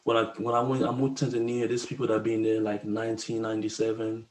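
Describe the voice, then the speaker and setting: A young man from the Congo in his twenties talks in a low, relaxed way, circling back over his words with slang and many restarts. His voice carries a noticeable room echo, as if recorded in a bare space. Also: quick pace. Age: 20s. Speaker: podcast guest. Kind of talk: casual conversation.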